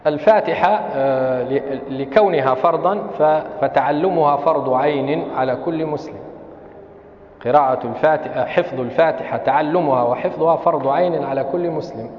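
A man's voice: on the high side, normal speed. Libyan man as sheikh teaching a lesson, careful explainer; recorded far down a long-reverb hall with faint hiss. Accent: Libyan Arabic. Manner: explains carefully, recites examples to show errors. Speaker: sheikh teaching Islamic law. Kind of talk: classroom lecture. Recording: echoey hall, dull lo-fi sound.

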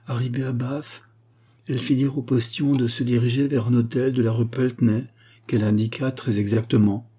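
A man reading a classic novella aloud as scripted narration, in a measured, dramatic manner. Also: mid-range voice, level tone, mellow, husky. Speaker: audiobook reader.

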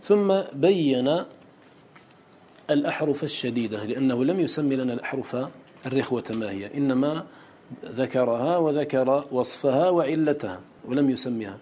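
Explaining a classical poem in a lesson, a man asks himself rhetorical questions and supplies the answers. His warm, mid-range voice moves at a moderate pace, with slight background noise.

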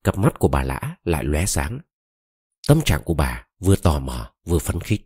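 A man narrating a novel as an audiobook with expressive storytelling, read close to the mic. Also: a bass voice, normal speed, breathy edge, dry recording. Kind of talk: dramatic novel reading.

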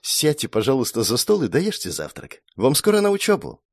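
A man voicing a gentle, fussy older woman who looks after the family. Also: medium pitch, lively intonation, fairly quick, husky, no room sound, studio quality, voice pushed up. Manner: gentle, fussy, briefly stern. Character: fussy caring older woman, household elder.

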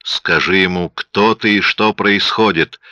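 A man voicing a menacing male killer with a low, quiet, threatening voice, on dull lo-fi audio. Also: animated, measured pace, dry recording, full character voice. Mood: snarling.

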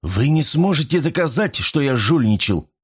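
A man's voice: medium pitch, expressive, unhurried, voice pushed up. A man voicing a panicking male card cheat who protests and begs in a raised, strained voice. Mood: desperate pleading. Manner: desperate, protesting.

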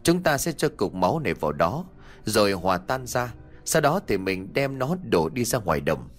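A cruel, scheming elderly wife snaps orders at her timid husband, as a male storyteller puts her on. Her voice sits fairly low yet swings widely in pitch. She scolds with a bossy, cutting edge. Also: big pitch swings, moderate pace, faint music behind.

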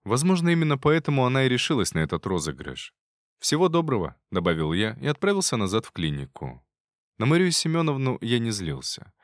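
A man narrating a first-person audiobook in a calm, wry manner. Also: mid-range voice, brisk, dry recording, clean studio sound.

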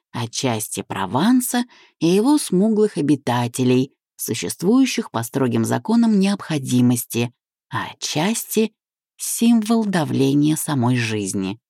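A woman narrating a literary audiobook in a measured, even reading. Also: sits low, no room sound, clean studio sound.

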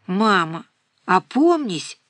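A woman's voice: medium pitch, sing-song, slow, fairly bright tone, no room sound, clean studio sound. A woman voicing a petulant, defiant young daughter in a storybook reading. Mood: frightened. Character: defiant sleepy teenage-to-young-adult daughter.

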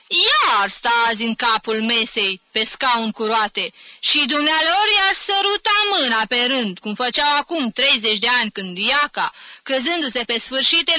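A woman voicing a gruff man who speaks harshly and ironically, in an audiobook reading. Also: mid-range voice, pushed and bright, dry recording, poor audio. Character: gruff sententious man at a family dinner.

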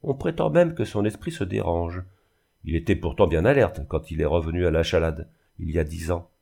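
A man's voice: low-pitched, animated, brisk, gravelly, warm tone, exaggerated voice. A man voicing a proud older widow in a reading of a classic novel, speaking coldly and curtly, with emphasis. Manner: cold, curt, emphatic.

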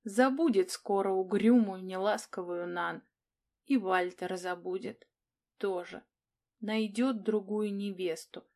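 A woman voicing a proud, gloomy young baroness who speaks in a hushed, whispering way. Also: medium pitch, slow. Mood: despairing whisper.

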